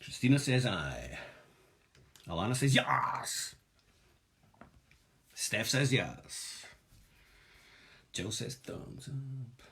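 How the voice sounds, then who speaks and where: Husky, lively Glaswegian man. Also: medium pitch, very slow, pauses often. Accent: Glaswegian Scottish. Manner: jokey, self-mocking, chatty with viewers. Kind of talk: live-streamed craft demonstration.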